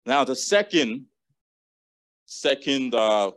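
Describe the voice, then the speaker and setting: A man's voice: medium pitch, lively intonation, takes it slowly, a bit bright, no room sound. A man preaching a sermon, earnestly reading and repeating scripture verses to the congregation.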